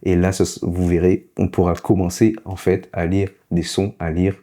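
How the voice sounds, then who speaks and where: A man's voice: sits low, level tone, normal speed, dark tone. A man with a slight foreign accent teaching a casual lesson, explaining patiently and repeating key points. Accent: foreign accent in French.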